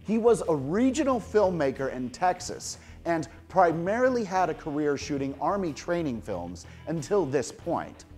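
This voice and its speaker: A man's voice: a little high, sing-song, normal speed, few pauses, darkish tone, faint music behind. A man hosting a late-night horror movie show, giving film trivia with sarcastic asides. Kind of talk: TV host segment, trivia with jokes.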